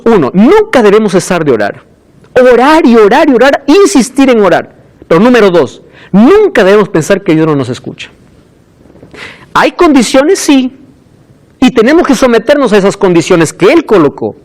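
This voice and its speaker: A male pastor preaching a sermon, expressive and acting out the voices he quotes. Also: high-pitched.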